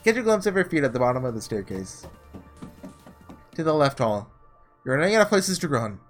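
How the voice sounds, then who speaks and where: In a slightly high, sing-song voice, this man moves at a brisk pace while soft music plays underneath. He's a gaming host reading a visual novel aloud with flair for a let's-play, reacting with offhand sarcasm.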